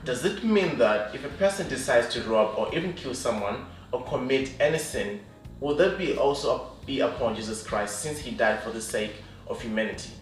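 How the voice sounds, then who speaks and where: A man hosting a casual video chat with two guests, lively and jokey, often laughing. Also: mid-range voice, moderate pace. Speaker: host. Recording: echoey room, voice from a distance, faint music behind.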